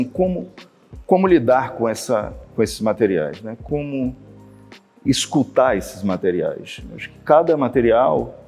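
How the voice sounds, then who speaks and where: A man's voice: medium pitch, a little mellow. A man in his fifties from Salvador with a Bahian Brazilian accent, an artist speaking thoughtfully and unhurriedly about his work, often ending phrases with a questioning tag. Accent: Bahian Brazilian Portuguese. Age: 50s. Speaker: visual artist. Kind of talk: reflective interview monologue. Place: his art studio.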